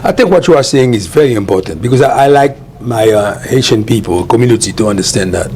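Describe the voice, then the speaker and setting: A male talk show host with a mid-pitched voice leads an interview in a friendly way. He slips between English and French, and a faint hum of room ambience sits under him. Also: animated, quick pace, a little mellow. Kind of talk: interview hosting.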